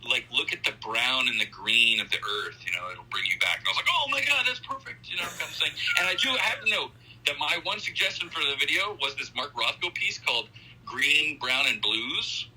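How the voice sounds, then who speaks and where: A man rambles through a casual interview, his talk loose and wandering, full of "you know" and "like". His voice is very bright and a little husky, and it swings lively in pitch. It comes through a thin phone line. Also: fairly quick. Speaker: musician guest.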